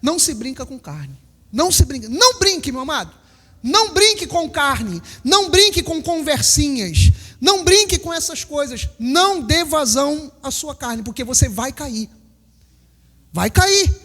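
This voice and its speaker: A man's voice: very high-pitched, very animated, moderate pace, fairly bright tone, long reverb tail. A man in his fifties from Brazil, preaching a sermon as pastor, repeating his warnings emphatically and acting out little scenes. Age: 50s. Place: church hall.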